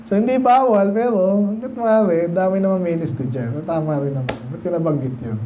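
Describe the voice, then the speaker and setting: In a church, a Filipino pastor whose voice sits high rambles through a midweek sermon and Bible study, posing questions to the people before him. He blends Tagalog speech with unhurried readings from the King James Bible. Faint noise runs under the dull, lo-fi recording.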